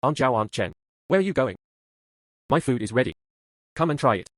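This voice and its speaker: An eager young canteen cook: earnest and coaxing, dry close recording. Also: male voice, medium pitch, sing-song, brisk, no room sound. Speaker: hospital canteen chef. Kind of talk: dubbed drama dialogue.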